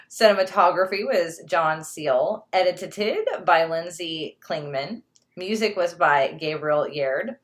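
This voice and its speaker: A woman's voice: on the low side, fairly bright tone. A woman co-hosting a casual movie podcast, chatty and giggly, reading out film credits. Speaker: podcast co-host.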